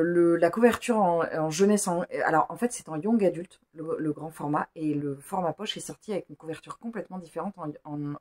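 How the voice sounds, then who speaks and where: A woman's voice: on the low side, warm tone. A woman chatting casually in a book haul vlog, rambling and talking to herself in little asides. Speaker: book YouTuber.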